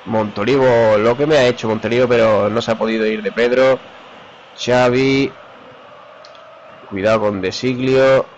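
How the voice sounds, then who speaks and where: Calling his own football game live, a man from Spain excitedly fires off player names in quick play-by-play commentary. His voice sits at medium pitch, the highs are cut off, and there's slight background noise.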